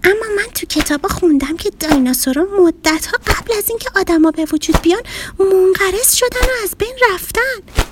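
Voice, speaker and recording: A squeaky, excitable little boy from a children's storybook, as a woman puts him on, talking fast and breathless as he swings between fright and bravery. His voice sits very high, and a clear hiss of background noise runs under it. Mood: worried. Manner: high, quick and breathless, fearful then bold.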